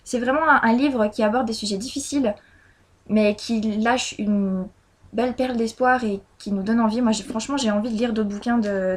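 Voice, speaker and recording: A woman's voice: mid-range voice, a little hiss or hum. A woman talking casually about the books she read this month, chatty and hesitant, with many fillers and restarts. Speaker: book blogger. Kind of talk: casual monthly reading review.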